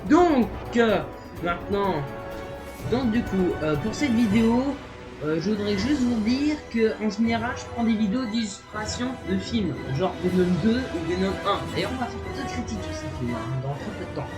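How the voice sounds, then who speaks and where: A man introducing his channel's video in a loose, chatty way, tripping over restarts and filler words as he goes. He pokes fun at himself as he talks. Music plays clearly behind him. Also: sits high, animated, moderate pace. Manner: rambling, many fillers and restarts; playful, self-mocking. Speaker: YouTube channel host. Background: background music.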